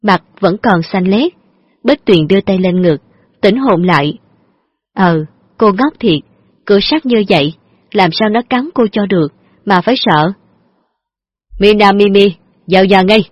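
Woman narrating a story, breathy voice. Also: medium pitch, a little slow, long pauses, dry recording, dull audio. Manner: steady, expressive reading.

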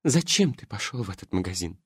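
A man's voice: low-pitched, very animated, fairly quick, slightly rough, dry recording, clean studio sound, full character voice. A man reading an audiobook and voicing a strict elderly woman who chides her husband. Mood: scolding. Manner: reproachful, chiding. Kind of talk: audiobook character voice.

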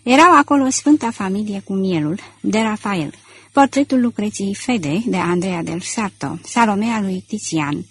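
Naratoare de carte audio, voce voalată. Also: female voice, mid-range voice, breathy edge. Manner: steady, measured storytelling. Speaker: audiobook narrator. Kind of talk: scripted narration.

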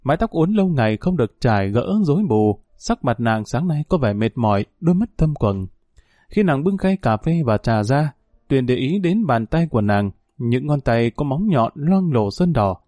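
A man reading a story aloud in steady, scripted narration. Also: medium pitch, normal speed, no room sound, studio quality. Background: faint music.

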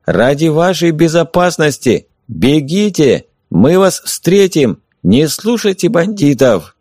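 A slick enemy envoy calling out in a raised, high, sugary voice, as a man reading an audiobook puts him on. His pitch swoops widely while he coaxes, recorded dry and close. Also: expressive, unhurried, dry recording. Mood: calling urgently. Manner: ingratiating, calling out loudly. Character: smooth-talking male enemy envoy, coaxing and insincere. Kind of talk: audiobook character voice.

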